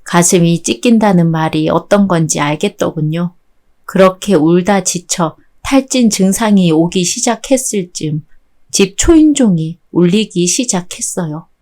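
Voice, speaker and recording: A woman narrating a sad story in a calm, measured, subdued way. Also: fairly low pitch. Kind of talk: scripted radio drama narration.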